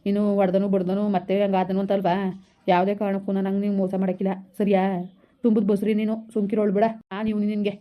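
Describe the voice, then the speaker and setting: A woman playing a gentle young village husband who keeps coaxing his pregnant wife. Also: mid-range voice, little pitch movement, fast, lo-fi sound, natural voice. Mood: soothing. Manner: soothing, repetitive coaxing. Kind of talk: village skit acting.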